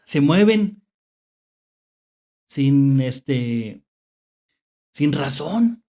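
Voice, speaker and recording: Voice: mid-range voice, expressive, extremely slow, mellow. A horror story host with a Mexican accent, telling spooky tales unscripted, hesitantly repeating phrases and checking in with rhetorical questions.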